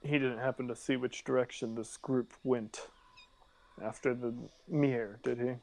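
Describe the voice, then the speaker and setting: Gravelly young man playing his character. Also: mid-range voice, fairly even intonation, normal speed, darkish tone. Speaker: player. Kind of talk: playing a character in a tabletop game.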